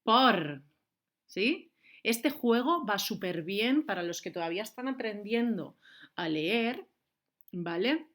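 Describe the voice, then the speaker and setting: A young adult woman with a Valencian accent, teaching a remote lesson to young children in a clear, encouraging way. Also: medium pitch, expressive. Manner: slow, clear, encouraging, speaks to kids and switches between Valencian and Spanish. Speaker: primary school teacher.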